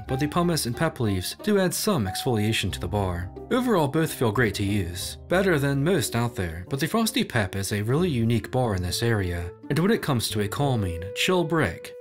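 A man reading a scripted product review in casual, slangy phrasing as a voice-over. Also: mid-range voice. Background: background music.

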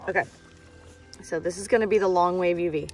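Out on a rocky shore, a rock-hunting vlogger in her thirties talks a little fast in a fairly low voice, with faint music behind her. Her casual chat is enthusiastic, informal and packed with exclamations, captured on a handheld camera.

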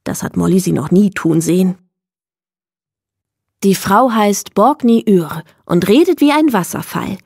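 A woman reading a children's book aloud as the narrator, telling the story in a clear, measured way. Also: medium pitch, expressive, darkish tone, dry recording, clean studio sound. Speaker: audiobook narrator.

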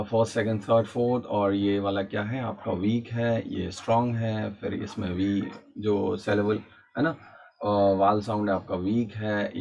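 A man's voice: mid-range voice, vocal fry, poor audio. A man teaching an online exam-prep lecture, explaining patiently and repeating key points while mixing Hindi and English.

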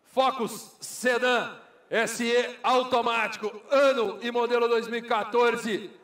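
A man's voice: very high voice, steady tone, takes it slowly, a bit bright. A Brazilian man working as a car auctioneer, calling bids in a repetitive, formulaic chant. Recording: echoey hall, far from microphone.

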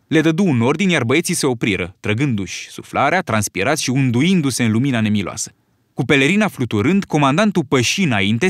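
Male storyteller, lively, expressive intonation, dry close studio sound. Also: medium pitch, dry recording. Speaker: audiobook narrator. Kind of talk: scripted narration.

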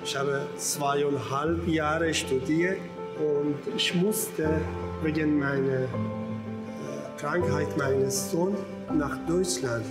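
A man, an interviewed factory worker speaking slow, halting, simple German. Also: a little high, fairly even intonation. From Iran. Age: 30s. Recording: echoey factory hall, music under.

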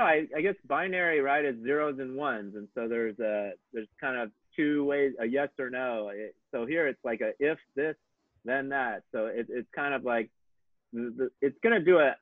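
Male co-host, halting delivery, phone-like dry audio. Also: medium pitch, no echo. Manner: halting, agreeable, restarts often. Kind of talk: livestreamed coding lesson. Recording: dry tinny phone-like line.

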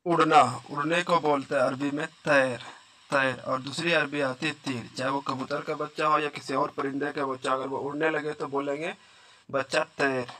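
Male teacher, fairly high and bright voice, quizzes and repeats every word. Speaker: Arabic teacher. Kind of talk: vocabulary lesson.

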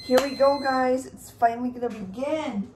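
Her high-pitched voice moves at a moderate pace as this young woman rambles through a casual mukbang vlog, preparing chocolate milk and cutting pizza at home. The background is noisy, including a faint TV.

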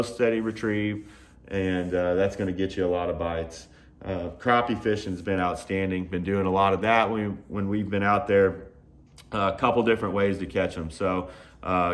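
A man in his thirties giving a casual fishing report to camera from a garage workshop, relaxed, with frequent "uh" and "you know" fillers. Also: deep voice. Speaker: fishing guide and host. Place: indoor garage workshop with tackle shelves.

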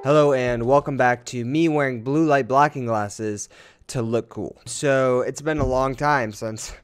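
A man's voice: medium pitch, fairly even intonation, measured pace, clean tone, faint music behind. A young man chatting casually in a vlog, candid with dry jokes. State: raspy morning voice. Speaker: vlogger.

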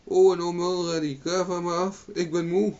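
A man's voice: high-pitched, little pitch movement, normal speed, a little mellow, pitched above the performer's own voice, close to an everyday voice. A man voicing a mocking female crane in a folk tale. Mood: crying out. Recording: dull lo-fi recording.

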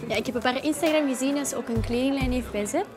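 Actress as scheming young woman, Flemish accent, fast, fairly high, sweet-talking, teen drama. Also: close to an everyday voice. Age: young adult. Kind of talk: scripted teen drama acting. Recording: music behind the dialogue.

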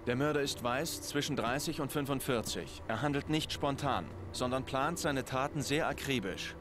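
A man playing a serious, analytical investigator in a dubbed video game, giving a measured, matter-of-fact briefing. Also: medium pitch, noisy background, close to an everyday voice. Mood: serious, factual. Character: serious analytical male investigator in his thirties.

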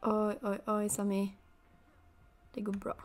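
A woman giving casual let's play commentary, chatty, with sudden excited high bursts and soft asides. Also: a little hiss or hum. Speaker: gaming video creator.

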